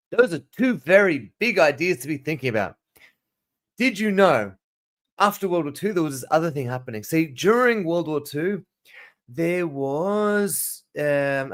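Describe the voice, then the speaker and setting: Rambling man with South African-Australian accent. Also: fairly high pitch. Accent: mixed South African and Australian. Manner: rambling, digressive, self-correcting. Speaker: teacher hosting a live study session. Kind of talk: casual livestream lesson. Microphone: camera mic.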